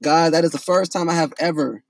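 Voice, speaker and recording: A young man telling a story in a casual, profane, animated way, full of restarts. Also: a little high, brisk, gravelly, no room sound.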